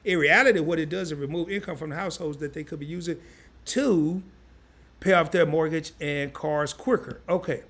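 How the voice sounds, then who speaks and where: Animated chatty man hosting a stream. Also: on the high side, fairly quick. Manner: animated, chatty, repeats himself; loose casual slang. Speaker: host of a live stream. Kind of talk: casual live-stream finance chat, reading viewer comments.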